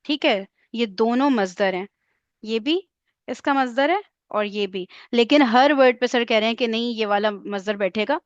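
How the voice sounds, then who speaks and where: A woman's voice: a little high, normal speed, no room sound, lo-fi sound. A woman explaining a grammar point to a class, step by step and often checking that students follow. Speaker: teacher.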